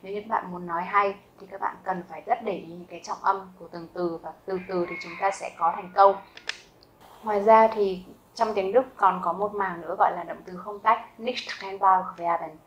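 A Vietnamese woman teaching a German grammar lesson, explaining step by step, asking her learners questions and saying example sentences slowly twice. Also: mid-range voice, fairly even intonation, a little hiss or hum, rough recording. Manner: asks learners rhetorical questions.

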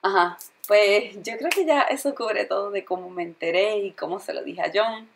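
A young woman chatting casually through a storytime vlog, retelling things in an animated way with lots of fillers. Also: mid-range voice, normal speed, creaky, slight background noise. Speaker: vlogger.

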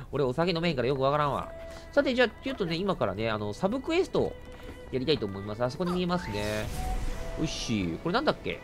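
Chatty game streamer. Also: male voice, a little high, huge pitch swings, fast, music in the background. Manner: chatty, exclaims and mutters at the game. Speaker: let's play streamer. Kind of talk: casual game commentary.

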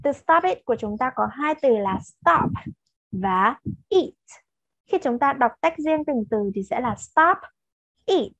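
In a slow lesson built on repeated pronunciation drills, a Vietnamese-accented woman teaches children English, patiently alternating Vietnamese explanations with English drill words. Her high-pitched voice has lively intonation and a measured pace, recorded without echo but with the highs cut off.

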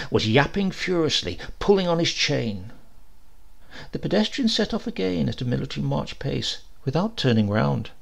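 Here a male audiobook narrator works through a literary short story, his delivery expressive yet measured. The voice is gravelly and sits at a medium pitch.

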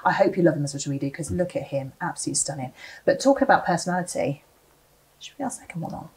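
A woman's voice: low-pitched, racing, a little mellow, low-quality recording. A young woman presenting a live shopping show in a chatty, unscripted way, gushing and rambling with lots of exclamations. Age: young adult. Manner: prone to laughter. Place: furnished studio set, indoors.

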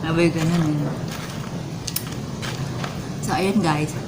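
A woman's voice: sits low, steady tone, takes it slowly, background noise. A Filipino woman vlogger doing a casual mukbang, talking to viewers in a chatty way as she eats and savours her food. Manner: talks while eating and savouring food; chatty, addresses viewers directly. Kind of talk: casual mukbang eating vlog, tasting sweets.

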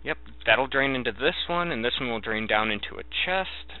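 A man giving casual, halting game commentary, thinking aloud as he plays. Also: medium pitch, animated. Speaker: gamer narrating a let's play. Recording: thin, narrow phone-like sound.

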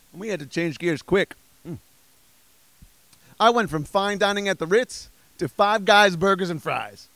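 A man's voice: on the high side, fairly bright tone, dry recording, poor audio. A man doing stand-up comedy, exasperated and ranting through strings of rhetorical questions.

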